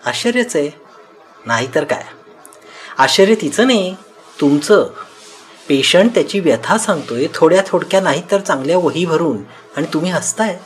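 A man's voice: on the high side, sing-song, normal speed. A man voicing a doctor's wife, a grown woman who is curious and reproachful, in a raised, scolding tone in a spoken story.

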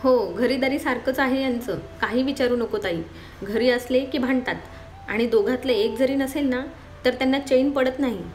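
A woman voicing a kindly middle-aged mother who gently scolds the young ones. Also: sits high, normal speed, faint music behind, lightly acted. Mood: homely.

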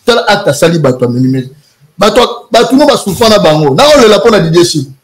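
A man's voice: sits high, sing-song, fast. A man in a heated debate, rambling as he mixes French and Lingala phrases. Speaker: guest.

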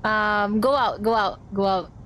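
A woman's voice: medium pitch, steady tone, measured pace, background noise. A young woman streaming a shooter game, giving bossy callouts in casual chat mixed with Tagalog words. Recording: game music behind.

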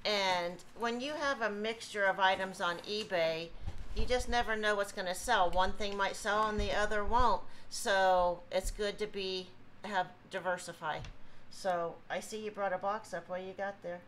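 A chatty woman in her fifties from Ohio, USA, a reseller vlogger, explains items as she unpacks a pallet at a table in a room at home. Her voice is medium-pitched and fairly bright at a moderate pace, though the audio is poor, with a little hiss or hum.

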